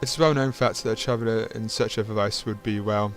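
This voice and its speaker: A man's voice: on the low side, fairly even intonation, fast talker, faint music behind. A man reading a narrative game's text aloud, stumbling over words and adding dry asides of his own. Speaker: gaming channel host.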